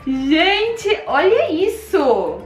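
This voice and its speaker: A young Brazilian woman with a Brazilian Portuguese accent, hosting an excitable Minecraft let's play and gasping at every find. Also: very high-pitched, very slow, roomy sound, faint music behind. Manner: excitable, gasping, squealing at finds. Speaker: gaming channel host.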